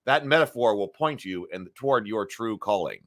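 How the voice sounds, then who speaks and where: A middle-aged man hosts a casual morning live stream, his voice gravelly today as he keeps clearing his throat and thinks aloud with fillers. He speaks at a normal speed in a lowish voice with lively intonation.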